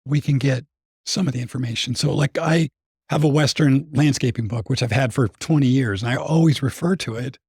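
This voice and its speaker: Raspy, hoarse male podcast co-host. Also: mid-range voice, brisk, darkish tone, no echo, studio quality. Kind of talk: casual podcast conversation.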